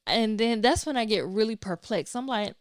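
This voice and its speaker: A woman podcaster telling a personal faith story, acting out her own reactions in lively, animated storytelling. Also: fairly high pitch, moderate pace, no echo, studio quality. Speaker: podcaster and videographer. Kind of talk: personal testimony vlog.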